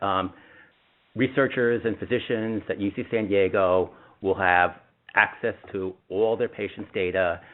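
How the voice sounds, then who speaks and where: A man giving explanatory remarks on a conference call over a speakerphone. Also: sits low. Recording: narrowband conference phone line.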